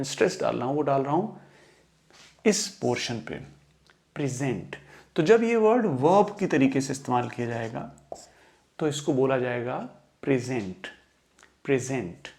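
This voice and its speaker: Young male teacher with a gravelly edge, sounding words out patiently for learners. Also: fairly high pitch, darkish tone. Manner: slow, careful word-by-word demonstration. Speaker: English teacher. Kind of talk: explaining lesson in Hindi.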